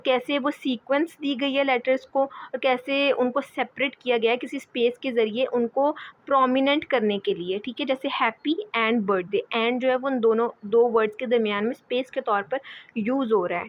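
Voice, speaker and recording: A woman giving a lecture as a teacher, often checking in with "okay" and pausing with fillers. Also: fairly high pitch. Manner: repeats "ठीक है", hesitant fillers. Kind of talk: explaining lecture. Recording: dull lo-fi audio.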